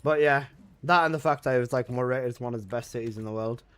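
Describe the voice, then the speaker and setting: A man's voice: medium pitch, quick pace, fairly bright tone, clear, resonant tone. Slangy young man streaming games. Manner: laid-back slangy banter, reading and answering chat. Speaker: gaming livestreamer. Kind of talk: casual live-stream chat. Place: his own room at home.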